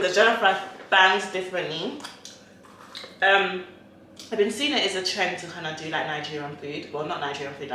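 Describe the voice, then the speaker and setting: A woman's voice: on the low side, sharp tone, a little hiss or hum. A woman vlogger chatting casually while eating, rambling with lots of fillers. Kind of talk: casual chat mukbang. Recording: very echoey room.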